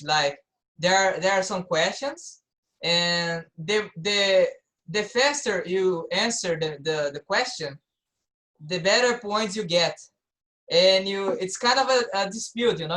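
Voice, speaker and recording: Bright-voiced speaker explaining things casually. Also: mid-range voice, low-quality recording. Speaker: participant in an online English-practice meeting. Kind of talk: casual chat in a group live stream. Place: online group call.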